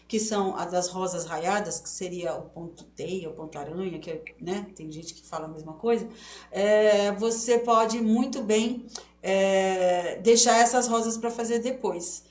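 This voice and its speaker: Demonstrating embroidery stitches step by step in a live online session, this middle-aged woman keeps up friendly chatter and often asks "tá certo?" to confirm viewers follow. She speaks at medium pitch with a slightly mellow tone; the recording has room echo and faint noise.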